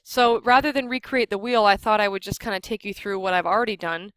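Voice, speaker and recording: An American woman instructs a workshop at a medium pitch. She explains software in an informal, conversational manner. The sound is dry, with very little room in it. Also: quick pace, no echo. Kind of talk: informal software tutorial for a live group.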